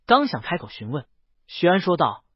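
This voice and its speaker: An audiobook narrator, male, reads a scripted story at normal speed in a slightly high voice with a husky edge and lively, varied intonation. The recording is close, dry, and a little muffled.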